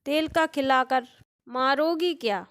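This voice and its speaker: A woman voicing a sharp-tongued old mother-in-law who nags and complains, in a storybook tale. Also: high-pitched, takes it slowly. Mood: scolding. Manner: scolding, complaining.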